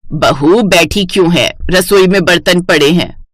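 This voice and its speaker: Cartoon voice: woman playing a bossy mother-in-law, low and scolding, dry close sound. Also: unhurried, no echo. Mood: nagging. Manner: scolding, taunting. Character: nagging middle-aged mother-in-law, bossy and taunting.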